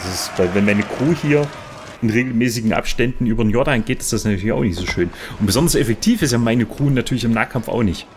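A man's voice: medium pitch, lively intonation, fast talker, darkish tone, a little hiss or hum. A man giving casual let's play commentary, grumbling and chatting with himself and his viewers.

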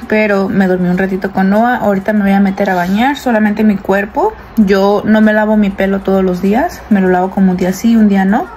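Speaking fairly quickly and barely pausing, a stay-at-home mom in her thirties keeps a steady, medium-pitched, slightly mellow tone. She casually addresses her "girls" through a phone held at arm's length in her kitchen and bedroom, and there's a little hiss or hum.

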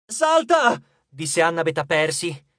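An audiobook narrator tells the scene with animated, expressive storytelling. The pitch rises and falls freely, and the voice is recorded close and dry with no room sound. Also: normal speed, no echo. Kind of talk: scripted narration.

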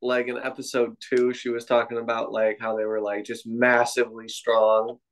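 A man's voice: medium pitch, completely flat delivery, moderate pace, poor audio. A young man hosting a casual, joking review chat, laid-back and profane. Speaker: podcast host.

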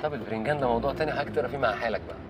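An Egyptian man in his thirties plays a provocative taxi driver. He talks very fast in cheeky, improvised banter. Music plays behind him in the car. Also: mid-range voice. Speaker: prank show host posing as a taxi driver. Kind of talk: improvised hidden-camera banter. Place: inside a moving car.

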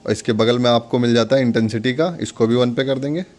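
In a casual, friendly product demonstration, an Indian man walks viewers through each step, addressing them directly. He talks fast, with a medium-pitched, somewhat dark voice. Faint music plays in the background.

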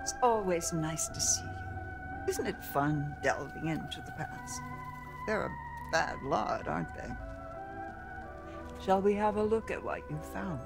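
A woman's voice: mid-range voice, wildly swooping pitch, unhurried, gravelly, long pauses, exaggerated voice. A woman playing an eerie, teasing fortune-teller in a video game, sly, theatrical and cryptic. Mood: sly amusement. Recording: loud music behind the voice.

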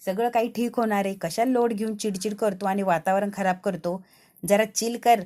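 A woman's voice: medium pitch, fairly even intonation, normal speed, dark tone, close to an everyday voice. Woman voicing a hopeful, soothing young woman. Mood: reassuring. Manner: soothing, encouraging.

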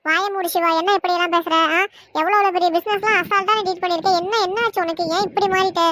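A woman's voice: very high-pitched, steady tone, fast talker, fairly bright tone. A woman voicing a caring, firm grandmother in a cartoon, reassuring and sometimes scolding, with a Kanyakumari Tamil accent. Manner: reassuring, scolding when needed.

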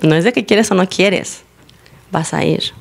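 A woman giving a teaching and testimony to her congregation, telling her story with lively acted-out dialogue. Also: on the low side, a little slow, creaky. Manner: animated storytelling, acting out dialogue. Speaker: church member giving a teaching. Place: church service, recorded live.

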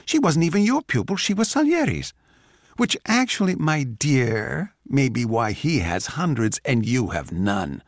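Man putting on shrill, hot-tempered young Constanza. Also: sing-song, measured pace, no echo, studio quality. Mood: wild rage. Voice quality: screechy.

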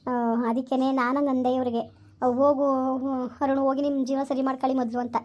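A woman's voice: sits high, flat delivery, brisk, a little mellow, highs cut off, natural voice. A young woman, acting in a village skit, earnestly explaining and pleading with elders.

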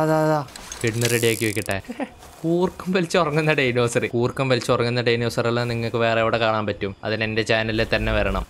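A man's voice: medium pitch, a little hiss or hum. Chatty Malayali man commenting on gameplay. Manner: chatty and joking, bursts into loud excited yelling during fights. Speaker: gaming channel host.

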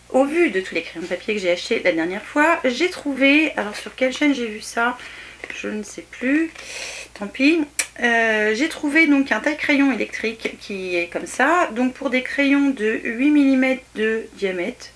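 A woman's voice: on the high side, noisy background. A woman chatting casually through a shopping haul video, hesitating often as she shows each item. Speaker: vlogger showing a shopping haul.

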